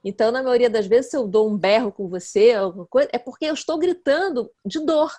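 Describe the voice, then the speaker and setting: A woman, a guest expert who explains her ideas earnestly in relaxed conversation and often checks in with her listener. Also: fairly high pitch, fairly quick. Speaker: guest expert in nonviolent communication.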